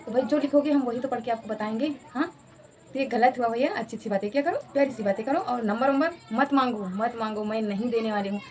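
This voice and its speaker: A woman's voice: fairly high pitch, quick pace, darkish tone. A woman in her thirties chatting casually in a home vlog, repeating herself and laughing often. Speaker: vlogger.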